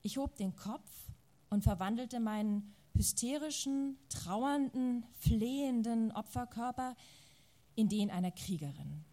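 A woman reading a novel excerpt aloud at a public reading, dramatic and building to loud, shouted passages. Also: a little high, expressive, a little slow. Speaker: reader at a public literary reading.

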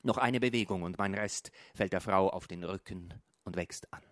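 A man's voice: low-pitched, normal speed, no room sound. Man reading a strange story, dry sound. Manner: wide swings from hushed murmur to raised, urgent voice; hesitant, stumbling over words. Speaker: author reading his own surreal story. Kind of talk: literary reading.

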